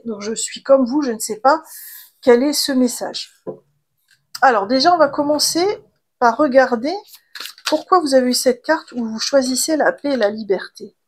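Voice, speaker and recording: Woman, tarot reader, higher-pitched, gentle and chatty, casual guidance tone. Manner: gentle, chatty, many fillers and restarts. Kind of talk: casual spiritual card reading.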